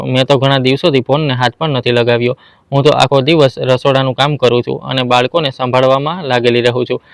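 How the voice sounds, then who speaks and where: A man voicing a frightened, innocent young woman who tearfully pleads her case, in a flat, smooth voice. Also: mid-range voice, dry recording, natural voice.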